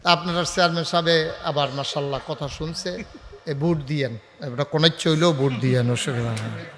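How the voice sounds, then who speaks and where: Man preaching with a Comilla accent, higher pitch, bright tense voice, sung chanted cadence, outdoor gathering over a PA with long reverb. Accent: Comilla Bengali. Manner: banters with the crowd, then chants in a sung, drawn-out cadence; leads call-and-response chants. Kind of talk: open-air religious sermon. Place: large outdoor gathering at night. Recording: reverberant outdoor PA sound with faint crowd noise.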